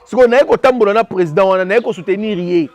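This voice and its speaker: With a high voice and a darkish tone, a man from Congo rattles off impassioned opinions, repeating himself and mixing French with Lingala.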